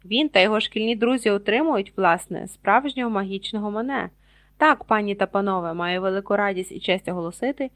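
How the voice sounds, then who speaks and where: A boastful, vain male wizard makes a showy announcement to a crowd, as a woman reading a storybook puts him on. He speaks loudly and grandly, like a performer enjoying his audience. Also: medium pitch, dry recording, natural voice.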